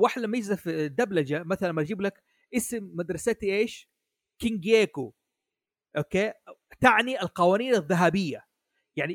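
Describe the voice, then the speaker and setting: Man, casual podcast guest, slightly high voice, very dry close sound, halting delivery. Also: no room sound. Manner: hesitant, many restarts, asks "حلو؟" often. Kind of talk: casual chat about an anime.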